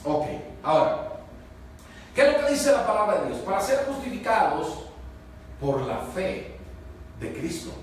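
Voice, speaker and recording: A pastor preaches a sermon in a high voice, heard from far off in a very echoey church. He rises to loud peaks and drops to hushed lines, and keeps asking the congregation if they follow. A faint room hum sits behind him. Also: big pitch swings, unhurried, pauses often. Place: church hall.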